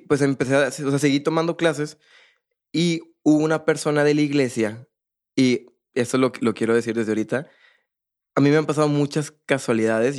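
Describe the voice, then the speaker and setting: A young man, a percussionist guest, telling his story in a casual, rambling way with many fillers and restarts. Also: medium pitch.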